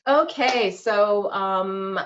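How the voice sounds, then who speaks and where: A woman's voice: mid-range voice, drawn-out words, lo-fi sound, a little hiss or hum. A woman, an enthusiastic guest telling her story in a casual interview. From Queens, New York. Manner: enthusiastic, warm storyteller with many fillers. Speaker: guest, small business owner.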